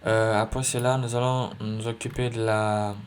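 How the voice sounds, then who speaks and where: A man's voice: fairly low pitch, little pitch movement, normal speed, slight background noise. A man teaching a coding lesson, thinking aloud with lots of fillers and self-corrections. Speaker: coding tutorial instructor. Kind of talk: screen-recorded coding lesson. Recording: faint keyboard typing and clicks.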